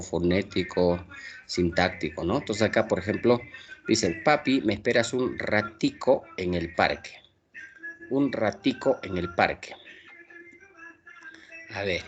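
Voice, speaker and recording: Brisk male teacher on a class call. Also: lowish voice, muffled recording, a little hiss or hum. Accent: Peruvian Spanish. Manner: brisk, checks understanding with frequent tag questions. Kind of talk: online class lecture.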